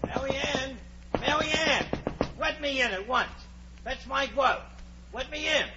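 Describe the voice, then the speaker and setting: An actor playing a fussy, flustered rabbit who barks imperious orders in a 1940s radio drama. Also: male voice, very high voice, unhurried. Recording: very noisy, dull 1940s radio recording.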